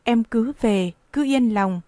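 A woman's voice: a little high, takes it slowly, dark tone, no room sound. A woman reading the part of an evasive young man who soothes his lover, in a coaxing, reassuring tone. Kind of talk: audiobook dialogue reading.

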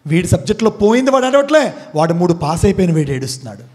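A man giving a motivational speech to students in a college hall. He calls out questions to the crowd and swings from loud to hushed. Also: sits high, sing-song, racing. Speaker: motivational speaker. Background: student audience.

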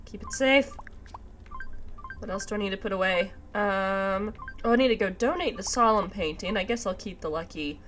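At a medium pitch and normal speed, this gaming video host has a somewhat bright voice made slightly nasal and stuffy by a sinus infection. She is getting over a cough and sore throat and chats to herself casually during a let's play, with video game music behind her.

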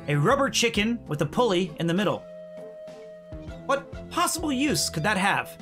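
A man's voice: sits high, sing-song, normal speed, music in the background. A man voicing a young male would-be pirate who is squeamish and dryly sarcastic. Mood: wry. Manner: dry, sarcastic asides.

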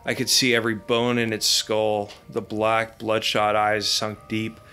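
A man reads a scary campfire story aloud for his podcast. His voice sits low but has a bright, forceful edge. His delivery is dramatic and storytelling. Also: completely flat delivery, unhurried, soft background music. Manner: dramatic reading broken by laughter. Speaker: podcast host.

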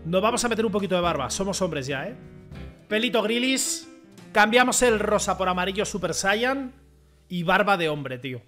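A young man commentating his own football game. He rants, pleads and shouts at the play, swinging from low mutters to loud yells. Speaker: gaming streamer. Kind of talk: excited gameplay commentary.

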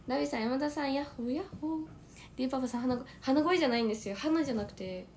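A woman with a Kansai accent and a hoarse, strained throat, chatting casually on a livestream and reading out viewer comments, often dropping into a breathy whisper. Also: high voice, rapid-fire, darkish tone, a little hiss or hum. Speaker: idol livestreamer.

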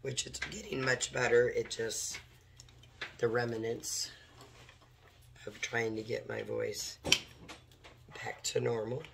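Hoarse guy doing a craft tutorial, drifts off mic while he works, gravelly. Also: mid-range voice, little pitch movement, slow, long pauses, noisy background. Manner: talks while working, moving near and far from the mic. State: hoarse from a cold. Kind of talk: casual step-by-step craft demo.

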